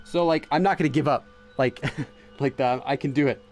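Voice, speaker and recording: A gaming-channel host, a native English speaker, thinks out loud in casual let's-play commentary, hesitating with fillers and restarts as he translates for himself. His medium-pitched voice is a little mellow and moves at a moderate pace, with soft music behind him.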